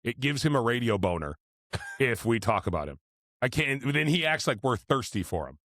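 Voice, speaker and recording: A man's voice: mid-range voice, sing-song, normal speed, a bit bright, no echo, clean studio sound. A man chatting casually as a podcast host, telling stories with the slightly slurred articulation of someone wearing braces. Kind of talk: casual animated banter and storytelling.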